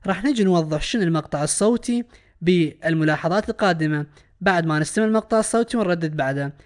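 A man's voice: high-pitched, smooth. A man with an Iraqi Arabic accent gives a recorded English lesson. He speaks patiently, says each word again and again, and translates it as he goes. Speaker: English teacher. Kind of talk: recorded classroom lesson explanation.

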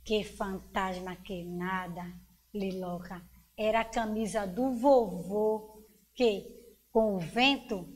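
A woman's voice: on the high side, takes it slowly, bright, forceful tone, slight background noise. A woman voicing an annoyed grandmother who scolds a child. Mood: scolding.

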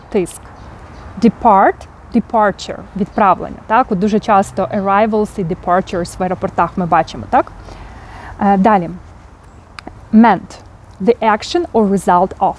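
A woman's voice: medium pitch, darkish tone, a little hiss or hum. A woman with a Ukrainian accent teaching English vocabulary, explaining patiently and often checking in with "так?". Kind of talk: vocabulary lesson.

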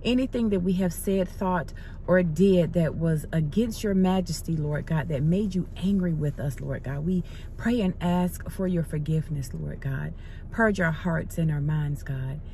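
Middle-aged woman, lower voice, upbeat car vlogger who prays in rhythmic repeated phrases, recorded on a dashboard phone with a faint hum behind. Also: warm tone. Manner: upbeat, encouraging, repeats phrases in prayer cadence. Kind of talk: casual car chat and spoken prayer. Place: parked car interior. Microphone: phone camera on the dashboard.

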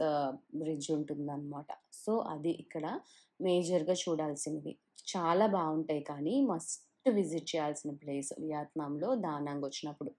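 A woman with a low, mellow voice talks through a walking tour on her phone. Her delivery is chatty and loose, sprinkled with English words and drawn-out "ahh"s. She is outdoors by a river. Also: slightly rough. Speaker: travel vlogger. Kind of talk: casual walking-tour narration. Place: outdoors along a riverside town walk.

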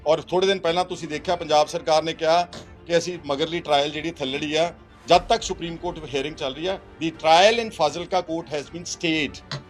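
A Punjabi-accented man speaks as a politician, his voice pitched high for a man. He answers with insistent, repetitive rhetoric and slips English phrases into his talk. Faint music sits under this news clip. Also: fairly even intonation, moderate pace. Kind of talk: press interaction, mixing English phrases.

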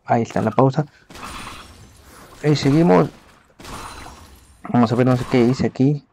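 A man calling a live esports match from home, giving hurried play-by-play and talking to his viewers. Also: mid-range voice, warm tone, slight background noise. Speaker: esports caster. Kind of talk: live game commentary.

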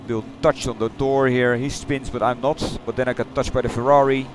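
A middle-aged man with a Dutch accent, a sim racing streamer, talks loosely through a replay of his racing game run from his home gaming room. His speech is halting and rambling, and he keeps correcting himself as this casual commentary goes on. His voice is medium-pitched and level, with slight background noise.

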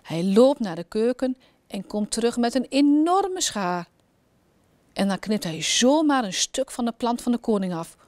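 A woman's voice: a little high, a little slow, dry recording. Woman reading a children's story. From Netherlands. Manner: gentle, expressive storytelling.

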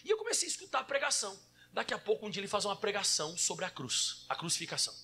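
A Brazilian man preaching a sermon as pastor, emphatic and storytelling, now and then shouting. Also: sits high, huge pitch swings, rapid-fire, a little hiss or hum. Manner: emphatic, storytelling with acted quotes and rising shouts.

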